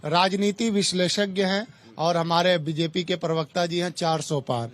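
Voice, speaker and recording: A man's voice: sits high, fairly even intonation, moderate pace. A young man, a farmer's son, challenging the panel from the audience in a heated way. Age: young adult. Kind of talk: questioning from audience.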